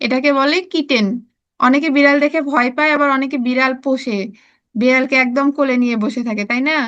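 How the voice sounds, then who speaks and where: A woman with a Bangladeshi Bengali accent teaching a preschool class, spelling words out slowly and coaxing the children to repeat after her. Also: high voice, fairly bright tone, muffled recording. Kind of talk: classroom lesson, spelling aloud.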